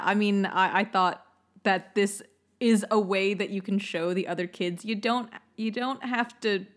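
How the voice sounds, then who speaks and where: A woman's voice: mid-range voice, fairly bright tone. A woman co-hosting a casual group podcast, giving blunt, emphatic opinions. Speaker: podcast co-host.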